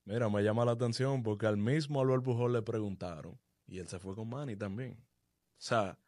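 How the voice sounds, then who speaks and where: A man's voice: on the low side, normal speed, darkish tone, dry recording, studio quality. A man hosting a sports podcast, casually prompting his guests with questions.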